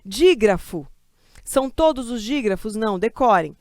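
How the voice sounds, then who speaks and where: A woman from Brazil with a fairly high voice gives a grammar class for exam takers. She talks in a lively, chatty way and keeps posing questions to the class, then answers them herself. The sound is dry and close, with no room echo. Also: normal speed. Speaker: teacher. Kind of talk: exam-prep grammar lesson.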